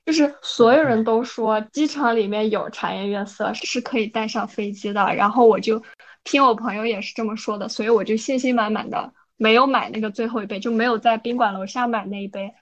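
A woman co-hosting a podcast, telling a story in a casual, animated way and often checking in with her listener. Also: on the high side, a little fast. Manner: animated, frequent "你知道吧" asides. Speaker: podcast co-host.

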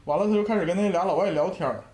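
A man's voice: high voice, very fast. A man with a Northeastern Mandarin accent, telling stories in a casual chat and acting out the voices of people in them. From Northeast China. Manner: animated, acts out voices and shouts in stories. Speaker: podcast guest. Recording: roomy echo.

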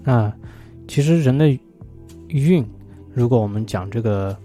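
Man, very dark mellow tone, hesitant thoughtful musing, faint music underneath. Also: medium pitch, lively intonation, unhurried. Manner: thoughtful, hesitant, many fillers. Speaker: vlogger. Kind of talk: casual solo talk about poetry.

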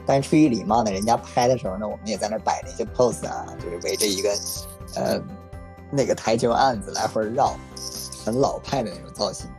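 Man, mellow warm tone, casual storytelling, frank and reflective. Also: on the low side, fast talker, soft background music. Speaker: story guest.

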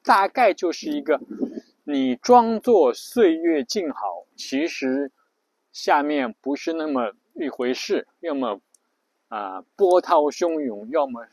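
With a mid-range voice, a male podcast host casually explains vocabulary, musing aloud with lots of fillers. The low-quality recording has no echo.

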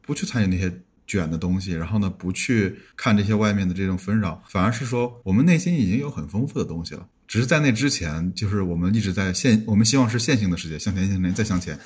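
Male podcast guest, fast and a bit husky, thinks out loud with frequent restarts. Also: deep voice. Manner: musing, often restarts words. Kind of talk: casual podcast chat.

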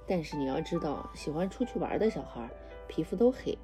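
A woman's voice: deep voice, animated, fairly quick. A mother chatting at bedtime with her young daughter, teasing her playfully, laughing often and soothing her. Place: home at bedtime. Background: soft music she plays.

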